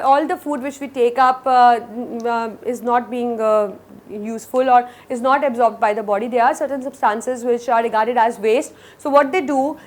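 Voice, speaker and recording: A woman with an Indian English accent teaches a science lesson, her voice sitting a little high. She explains each step in turn, pausing on fillers and correcting herself as she goes. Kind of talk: classroom lecture.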